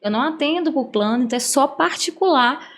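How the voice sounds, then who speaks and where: A woman's voice: high voice, lively intonation, a little fast. A middle-aged woman, a psychologist telling her life story in an interview, heartfelt and earnest. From Brazil, Minas Gerais. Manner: earnest, heartfelt, acts out quoted dialogue. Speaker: guest psychologist. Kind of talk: personal storytelling in a podcast interview.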